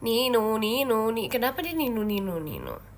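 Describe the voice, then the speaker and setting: A woman's voice: fairly high pitch, very animated, moderate pace. A young woman hosting a casual livestream chat, playful and giggly, teasing her viewers while sick with a cough and a stuffy nose. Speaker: idol livestream host.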